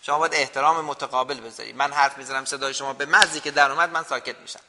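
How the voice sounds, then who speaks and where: A man's voice: medium pitch, fairly even intonation, long reverb tail, background noise. A man hosting a call-in show, arguing and lecturing his caller in a heated debate. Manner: argumentative, lecturing.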